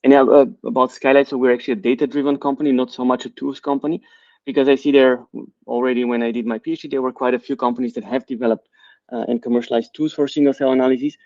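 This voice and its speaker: Middle-aged man from Bulgaria, CEO, explanatory and measured, dry slightly dull recording. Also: mid-range voice, little pitch movement, darkish tone, no room sound. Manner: measured, explanatory, with frequent fillers. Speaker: company CEO and co-founder. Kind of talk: interview answers.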